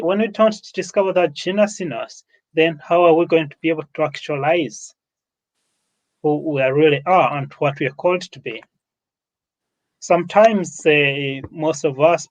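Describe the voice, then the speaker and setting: The recording quality is low as this Ugandan-accented man, his voice fairly high-pitched, talks to an online summit off the cuff. He relies on repeating and stressing ideas to make his case.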